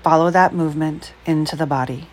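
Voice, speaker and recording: A woman leading a guided breath meditation, speaking slowly, calmly and softly. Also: deep voice. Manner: slow, calm, soft-spoken.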